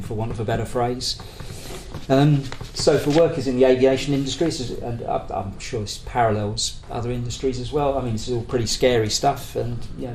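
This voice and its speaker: Searching for his words, a British man speaking for a trade union builds a political argument in a hesitant, wandering conference talk that is only partly prepared. His voice is medium in pitch and slightly mellow. Faint background noise sits under the echo of the room.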